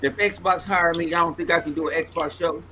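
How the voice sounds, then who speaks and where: High-pitched ranting podcast man, forties. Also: normal speed, a little hiss or hum, low-quality recording. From Los Angeles. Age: 40s. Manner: profane, animated ranting. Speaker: podcast host. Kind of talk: casual podcast banter.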